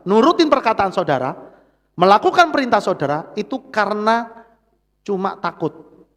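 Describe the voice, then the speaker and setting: A man with a Central Javanese accent preaching a sermon, often calling on the congregation to answer amen. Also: high-pitched. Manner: engaging, prods the congregation for "amen". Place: church hall. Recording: reverberant church hall.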